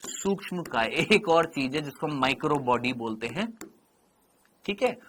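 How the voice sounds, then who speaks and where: Middle-aged guy teaching biology online, kinda high voice, asks stuff then answers it, drags out the key words. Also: expressive, fairly bright tone, a little hiss or hum. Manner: asks questions and answers them himself; stretches out key terms slowly.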